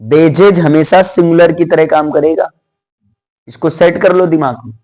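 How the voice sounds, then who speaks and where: A man teaching English grammar in a casual classroom manner, mixing Hindi with English, asking and answering his own questions, and reading the example sentences slowly. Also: a little high, a little mellow. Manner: mixes Hindi with English terms.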